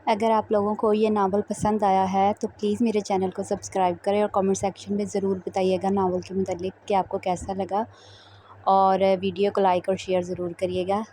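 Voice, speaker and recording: A woman hosts a channel and gives her closing remarks to viewers. Her voice is mellow and darker in tone, with little movement in pitch. There is a faint hiss of noise behind her. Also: level tone. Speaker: channel host.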